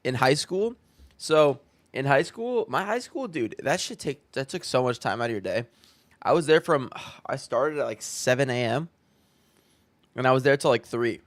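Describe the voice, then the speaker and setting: A man's voice: mid-range voice, lively intonation, normal speed. Young male streamer, offhand reaction chatter, swears casually. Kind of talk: casual live-stream commentary.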